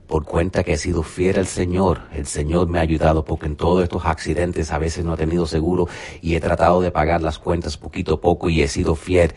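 A man preaching a sermon in an earnest manner, slowing down to stress key phrases. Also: rumbling low, vocal fry, darkish tone, breathy edge. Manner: earnest, slows for emphasis.

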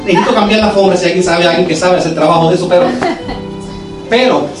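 A man preaching to his church, earnest and then animated as he tells a story, slipping English words into his sermon. His voice sits a bit high and sounds far from the mic. The hall is echoey and music plays clearly behind him. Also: fast talker. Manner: earnest preaching that turns lively when telling a story, tossing in English words. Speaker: pastor. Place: church sanctuary.

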